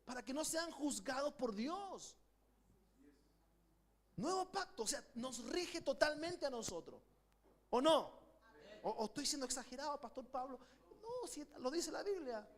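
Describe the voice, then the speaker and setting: A man's voice: very high voice, sing-song, unhurried, long pauses. A middle-aged man with a Chilean accent, preaching a sermon with passion and calling his congregation to repeat after him. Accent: Chilean Spanish. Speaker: pastor. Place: church sanctuary.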